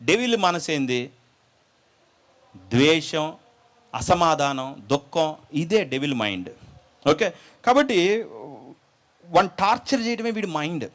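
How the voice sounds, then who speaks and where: A male preacher tells a story with humor and acts out its characters. His voice sits fairly high and rises and falls a great deal. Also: a little slow, pauses often. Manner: animated, acts out dialogue, jokes with listeners.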